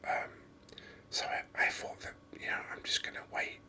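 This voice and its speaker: A gaming video host whispers ASMR-style commentary on a video game, his breathy, very bright whisper carrying sharp, crisp edges. Sitting close to the mic, he rambles along unhurriedly at a moderate pace.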